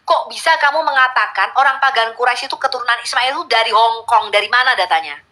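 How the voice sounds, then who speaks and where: A woman argues at a rapid clip in a heated religious debate, pressing each point and repeating her questions until she gets an answer. Her voice sits high and bright, with a lecturing, insistent edge. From Indonesia. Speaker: debate guest.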